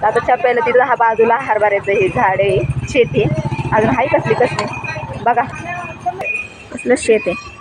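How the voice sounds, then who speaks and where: A woman chatting excitedly to her viewers in a casual vlog, filmed outdoors on a handheld phone. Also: on the high side, moderate pace, pauses often. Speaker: vlogger. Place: outdoors by a road, in fields and at a temple. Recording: loud crowd and traffic noise outdoors. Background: loud crowd chatter and vehicle noise.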